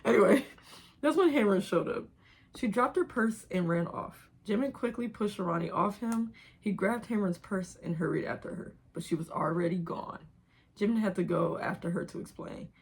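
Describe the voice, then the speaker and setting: A woman's voice: medium pitch, expressive, moderate pace, darkish tone, husky. A young woman reading her own old writing aloud in an embarrassed, giggly, self-mocking way, casually breaking off to comment. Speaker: reader of own old fan fiction.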